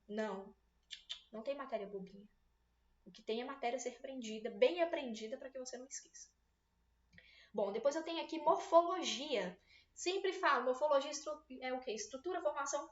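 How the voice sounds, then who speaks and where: A Brazilian woman teaching Portuguese for exam prep, chatty and encouraging, often checking in with quick tag questions. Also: fairly high pitch. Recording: roomy, slightly dull sound.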